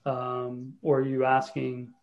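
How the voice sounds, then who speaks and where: A man chairs a town council meeting as mayor, his voice level and flat with little rise or fall. He speaks haltingly, leaning on fillers and restarts as he moves through the agenda. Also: medium pitch, muffled recording.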